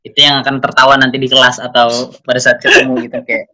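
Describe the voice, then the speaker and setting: A young man, a guest in a casual chat about football, talking in a relaxed way that often trails off softly. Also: medium pitch, quick pace.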